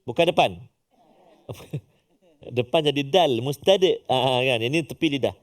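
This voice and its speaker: A middle-aged man teaching Quran recitation, coaxing learners to repeat after him and chanting example words. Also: mid-range voice. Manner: lively, coaxing, models recitation in drawn-out chant. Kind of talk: tajwid lesson with call-and-response practice.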